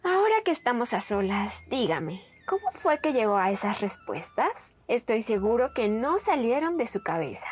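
A woman voicing a young, clever male village magistrate who speaks in a measured, inquisitive way. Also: a little high, sing-song.

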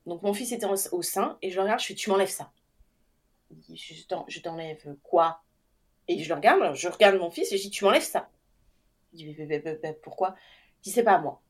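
A young adult woman with a mid-range, slightly breathy voice chats quickly about her own experiences. She's animated, voicing the people she quotes and laughing often.

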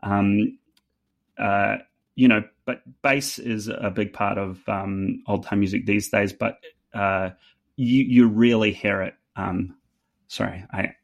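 Casting: New Zealand-accented male musician guest, low gravelly voice, hesitant chatty delivery. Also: steady tone, muffled recording. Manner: halting, many fillers and restarts. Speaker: fiddle player guest. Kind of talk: casual interview chat.

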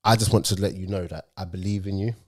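A man with a London roadman accent, the multicultural urban London sound, hosts a casual, slangy podcast chat. He speaks fast and emphatically, encouraging others and often repeating himself. His voice is low, steady and darkish.

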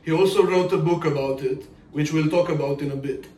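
Podcast host guy, kinda high voice, sounds far from the mic, roomy echo. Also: steady tone, a little fast, dark tone. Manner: reads intro smoothly, then asks questions with fillers. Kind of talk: podcast interview. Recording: echoey room, distant mic, faint noise.

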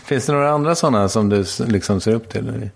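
A man's voice: lowish voice, creaky, breathy edge. A man hosting a podcast interview, easygoing and a little hesitant. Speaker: podcast host.

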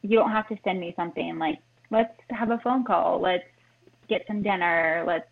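A woman's voice: on the low side, normal speed, creaky. A woman guest talks earnestly, giving direct and heartfelt advice. Her voice comes through a thin, tinny phone line. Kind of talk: casual chat.

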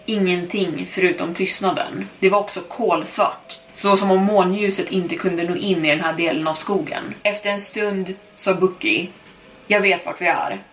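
A young adult woman narrating a first-person horror story in a measured, suspenseful way as a podcast storyteller. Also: on the low side, fairly even intonation, slight background noise. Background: faint music.

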